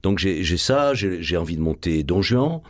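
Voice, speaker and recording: An older man with a Marseille accent, with an extremely deep voice. He is a guest in a radio interview and speaks effusively, stopping often to restart his sentences. The recording is dry and close, with no room sound. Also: expressive, dry recording. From Marseille, France. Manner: effusive, halting with many restarts. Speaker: guest, stage actor and author.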